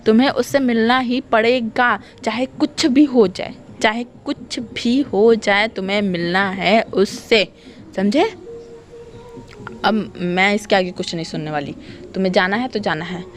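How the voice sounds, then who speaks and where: A woman's voice: mid-range voice, unhurried, natural voice. A woman voicing a stubborn mother who pushes her son into marriage, speaking bossily and emphatically. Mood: bossy. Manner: bossy, emphatic.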